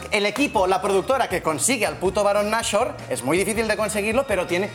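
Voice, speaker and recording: High-voiced man with a Spanish accent, mock-grandiose. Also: expressive, fast, a bit bright. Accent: Spanish from Spain. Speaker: comedy show contributor. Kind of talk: improvised comic monologue and banter. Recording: music and crowd behind the voice.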